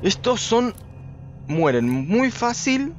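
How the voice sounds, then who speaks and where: A man giving let's play commentary, talking to viewers and shooting up in pitch when startled. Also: slow, muffled recording, a little hiss or hum. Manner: excitable, talks to viewers, jumps high when startled. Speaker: gaming video host.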